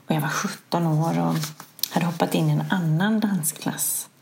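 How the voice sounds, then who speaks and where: A middle-aged woman with a low voice and a gravelly, fry-tinged edge tells a personal story. She speaks in a soft, hushed way and pokes fun at herself. The tone stays candid and conversational. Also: steady tone, slight background noise. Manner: candid, self-mocking. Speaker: podcast host.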